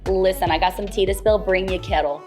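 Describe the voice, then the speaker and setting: A woman's voice: medium pitch, steady tone, brisk, a little mellow, soft background music. A woman in her twenties talking in a chatty confessional interview, filling her talk with little asides. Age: 20s. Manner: chatty, filler-heavy, giggly. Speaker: reality show contestant.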